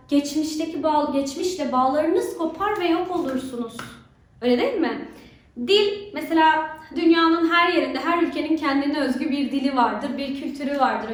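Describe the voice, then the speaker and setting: A woman teacher with a very high voice talks children through a lesson, constantly checking in with rhetorical questions. She is recorded in a strongly echoing room, and her voice sits well away from the microphone. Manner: keeps asking rhetorical questions to draw pupils in. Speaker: religion teacher. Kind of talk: recorded remote lesson for schoolchildren. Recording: very echoey room, voice far from mic.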